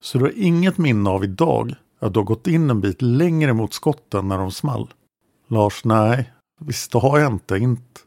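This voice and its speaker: Gravelly man reading a transcript. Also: medium pitch, expressive, a little mellow, dry recording, clean studio sound. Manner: measured, matter-of-fact reading that names each speaker before their lines. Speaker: true-crime podcast narrator. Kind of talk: reading an interrogation transcript aloud.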